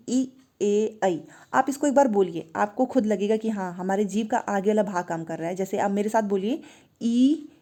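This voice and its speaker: A woman's voice: mid-range voice, warm tone. A woman teaching an online exam-prep grammar lesson, explaining step by step, asking and answering her own questions and having students repeat sounds aloud.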